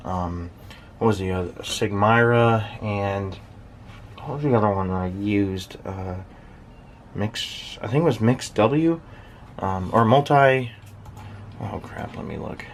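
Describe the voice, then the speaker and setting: A man's voice: deep voice, takes it slowly, vocal fry, a little hiss or hum. A man giving a casual, unscripted hobby demonstration, rambling and hesitant as he thinks aloud. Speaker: hobbyist shortwave listener presenting own station. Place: small uninsulated shed with workbench.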